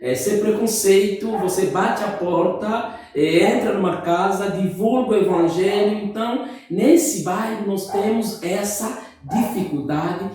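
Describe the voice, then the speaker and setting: A pastor with an Angolan Portuguese accent, whose first language is Lingala, answering interview questions in a hesitant way, often restarting and repeating words. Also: male voice, high-pitched, measured pace, hardly any pauses, darkish tone. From Democratic Republic of the Congo. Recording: echoey room, mic far off.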